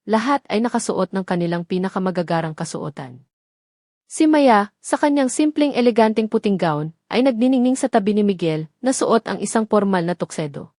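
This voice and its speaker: This is a studio-quality recording, free of room sound, of a woman with a Filipino accent narrating a scripted dramatic story. Her voice sits at medium pitch and is slightly mellow.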